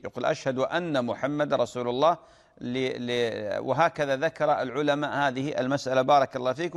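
Fast-talking male religious scholar. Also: mid-range voice, vocal fry, big-room sound. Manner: explanatory, repeats phrases, addresses the questioner as "my dear brother". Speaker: religious scholar answering listener questions. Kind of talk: religious Q&A program.

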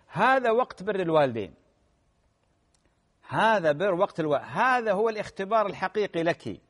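A man, a sheikh answering listeners' religious questions in a gentle advisory way. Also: fairly high pitch, long reverb tail. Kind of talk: radio religious Q&A.

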